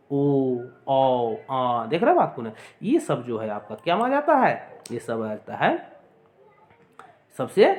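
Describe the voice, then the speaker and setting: This man's voice sits at medium pitch, with a little hiss or hum in the recording. He is teaching an exam-prep lesson, repeating his points, calling his viewers friends, and sounding out vowels aloud for them to copy.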